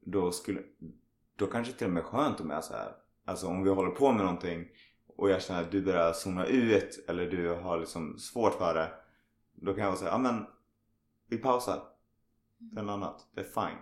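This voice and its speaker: A man hosting a podcast in casual conversation, telling stories animatedly and acting out what others say. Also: sits low. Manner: animated storytelling, acts out others' remarks. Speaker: podcast host. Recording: roomy echo.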